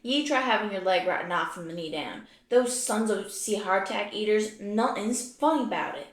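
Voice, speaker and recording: A woman's voice: mid-range voice, moderate pace, natural voice. A forgetful, blustery pirate ghost with a peg leg, as a woman acts him out. He growls old sea talk in a puppet stage play. The room is echoey. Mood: blustery, grumbling. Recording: roomy echo.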